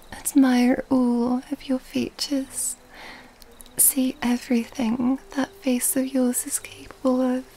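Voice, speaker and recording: A woman roleplays a graceful yet predatory vampire lady for ASMR, her whisper breathy, high, soft, and dark. Speaking very slowly, she teases with formal, old-fashioned, mysterious diction. A faint hiss or hum can be heard.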